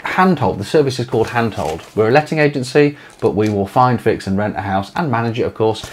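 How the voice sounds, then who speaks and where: A man's voice: mid-range voice, animated, a little fast, a little hiss or hum. A man in his forties with an East Midlands English accent, chatting casually to camera from a small home office, rambling with lots of fillers and restarts. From England. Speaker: letting agency owner.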